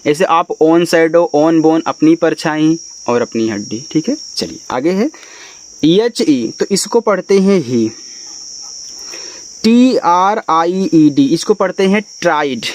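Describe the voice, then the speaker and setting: A man with a fairly high voice teaches a reading lesson, spelling out each word letter by letter and walking through it patiently. Crickets chirp faintly in the background. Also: animated, darkish tone, a little hiss or hum. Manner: spells out words letter by letter and explains slowly. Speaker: English teacher. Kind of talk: spoken language lesson.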